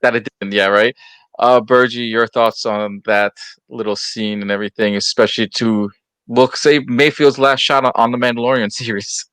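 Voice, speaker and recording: A man leads a relaxed panel chat with a bright, forceful tone, handing the floor to guests one by one. The sound is dry and close, with no room ring. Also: mid-range voice, normal speed, dry recording. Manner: steers the talk, calls on panelists by name. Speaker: podcast host. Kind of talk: casual panel discussion.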